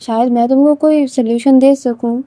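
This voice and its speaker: This is a good-humoured, teasing sister-in-law from a spoken storybook, coaxing and gently mocking, as a woman narrator puts her on. The voice sits fairly high with a very dark, mellow tone. It is recorded dry and close. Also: fairly even intonation, normal speed, no room sound, natural voice.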